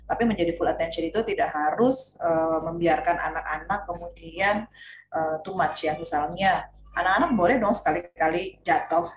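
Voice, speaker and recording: A woman's voice: lowish voice, moderate pace, background noise. A middle-aged woman speaking on a panel as a parent, telling stories animatedly with many fillers. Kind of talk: casual panel discussion. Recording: echoey room, faint ambience.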